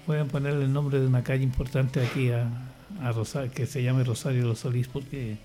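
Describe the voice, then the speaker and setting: Speaking fairly quickly over soft background music, the older man has a mid-range, mellow voice and a flat delivery. He's a church choir leader from Chile, a guest in a casual radio conversation, and he rambles hesitantly with many fillers and restarts.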